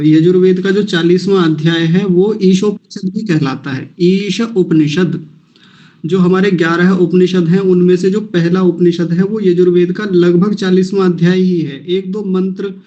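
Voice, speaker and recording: A man with a high voice teaches the correct pronunciation of a sacred verse. He breaks each word into syllables and repeats them slowly and patiently. The recording sounds muffled and lo-fi. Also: mellow. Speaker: Vedic mantra teacher. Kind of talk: recitation lesson, slow syllable drills.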